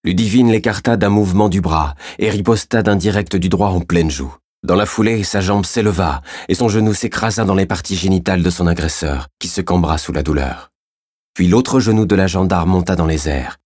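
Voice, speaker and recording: A man reading a crime novel aloud as an audiobook narrator, in steady, measured scripted narration. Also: low voice, dry recording, clean studio sound.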